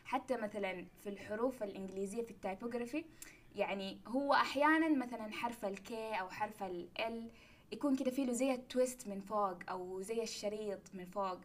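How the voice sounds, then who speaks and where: A young woman talks fast and freely, as a guest artist in a casual audio chat. Her pitch sits at an ordinary middle height. She sounds like she is on a phone mic. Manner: chatty, candid, quick-flowing.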